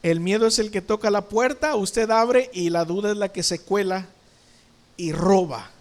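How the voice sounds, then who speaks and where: High-voiced pastor preaching. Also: male voice, moderate pace. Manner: preaching with rhetorical questions and vivid sound words. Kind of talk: sermon. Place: church.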